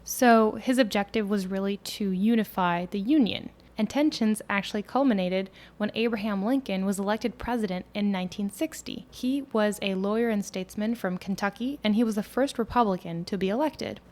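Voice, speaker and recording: A woman's voice: medium pitch, moderate pace, hardly any pauses, darkish tone. A woman from France co-hosting a scripted history podcast, reading prepared lines in turns with her co-host.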